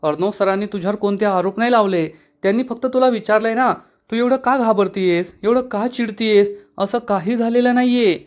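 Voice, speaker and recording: A gentle young woman pleading and soothing in a serial retelling, voiced by a man. Her voice sits high and soft. She speaks quickly in an earnest way. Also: lightly acted.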